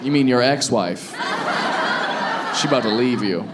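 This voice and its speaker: Animated male comic doing crowd work. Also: medium pitch, a little slow, very noisy. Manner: teasing, quipping banter with an audience member. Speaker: comedian host of a live show. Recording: live show with loud crowd behind.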